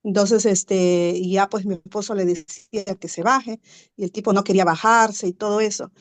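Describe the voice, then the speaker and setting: A woman guest tells her story in loose, conversational fashion, her voice sitting at an ordinary middle pitch. She fills gaps with hesitation words and tag questions and livens things up by acting out noises as she goes. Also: normal speed. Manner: chatty, heavy on fillers and tag questions; animated, acts out sounds. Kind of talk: casual storytelling.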